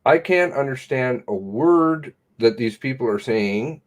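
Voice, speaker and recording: A man's voice: medium pitch, lively intonation, unhurried. A man in casual reaction chat, with a blunt, puzzled way of talking.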